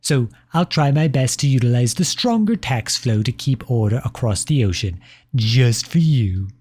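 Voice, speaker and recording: In a scripted ASMR roleplay, a man voices a pompous, possessive empire personified as a cloyingly affectionate suitor, reading letters with sugary condescension. His medium-pitched voice is animated, a little mellow and slightly rough, at normal speed. He comes across smug and fond.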